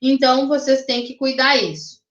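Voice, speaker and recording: Brazilian portuguese accent teacher lady, high voice, keeps asking "tá?", roomy muffled sound. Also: steady tone, normal speed, a bit bright. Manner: explanatory, checks in with "tá?" and "né?". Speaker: English teacher. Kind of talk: online class lecture.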